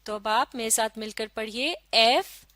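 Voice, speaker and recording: A woman teaching a phonics lesson, sounding out letters slowly and asking questions for children to answer. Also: fairly high pitch, expressive, fairly bright tone, dry recording. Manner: slow, drawn-out sounding of letters with call-and-response questions.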